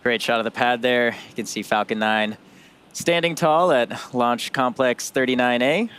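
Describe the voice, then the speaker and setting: A man's voice: medium pitch, a bit bright, smooth. A man hosting a launch webcast with polished live commentary. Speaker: webcast host.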